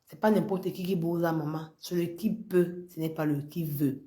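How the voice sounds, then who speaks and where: A woman from Cameroon, delivering a heated, confrontational livestream rant that swings between loud outbursts and low mutters. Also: fairly even intonation, moderate pace. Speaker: social media personality.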